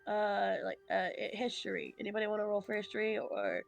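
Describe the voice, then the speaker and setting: A woman's voice: medium pitch, steady tone, fairly quick, gravelly. A woman narrating as game master of a tabletop game, hesitant with many fillers.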